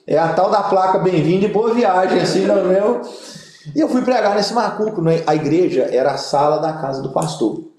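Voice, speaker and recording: Man, young adult, from Brazil, pastor, comic storyteller, slightly high voice, very echoey room. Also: moderate pace. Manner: animated comic storyteller, acts out quoted voices. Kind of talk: casual storytelling interview.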